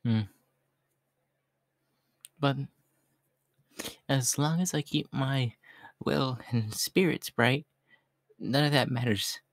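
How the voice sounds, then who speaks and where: ASMR role-play: male actor as a homeless young cat-boy, shy and hopeful, mid-pitched, polite, hesitant, very dry sound. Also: dry recording. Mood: wistful. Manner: hesitant, halting, softly polite.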